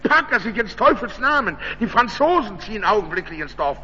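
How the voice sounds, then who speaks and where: A man voicing an excitable, flustered village innkeeper who exclaims and curses in alarm. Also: high-pitched, brisk, slightly rough, heavily acted. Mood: frantic. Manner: frantic, exclaiming and cursing. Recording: dull echoey recording with faint hum.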